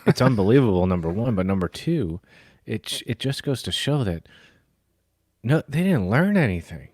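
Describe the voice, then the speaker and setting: Deep-voiced, indignant man in his forties. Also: very animated, normal speed, dry recording, clean studio sound. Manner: forceful, indignant, gets loud. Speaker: podcast co-host. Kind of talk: casual political chat.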